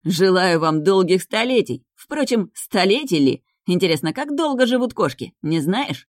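A woman's voice: lowish voice, lively intonation, moderate pace, no room sound, studio quality. A woman voicing a cruel, mocking young man in an audiobook, sneering and barking orders. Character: cruel mocking young dark-haired man, mad laugh.

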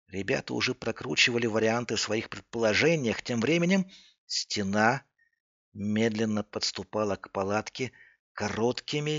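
Gravelly male horror story narrator. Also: on the low side, dull audio. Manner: steady, building suspense. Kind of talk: scripted horror story reading.

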